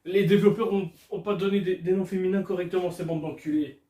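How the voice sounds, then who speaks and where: A man's voice: high-pitched, fairly even intonation, quick pace, dark tone, reverberant. A man alone at home, chatting casually and crudely to his camera while unboxing. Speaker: vlogger. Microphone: camera filming him.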